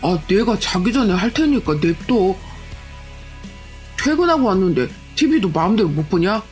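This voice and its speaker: A woman's voice: medium pitch, sing-song, normal speed, a little mellow, soft background music, close to an everyday voice. A woman voicing a lazy, defensive young husband who whines and brushes off every complaint, as part of a told story. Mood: irritated. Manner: whiny and irritable, brushing off complaints. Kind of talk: storytelling with acted dialogue.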